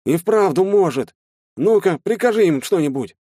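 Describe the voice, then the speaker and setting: A man voicing a brash, crude male soldier who mocks and bullies others, in a higher, louder voice than his own. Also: animated, unhurried, no room sound, clean studio sound. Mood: amazed, crude. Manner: coarse shouting.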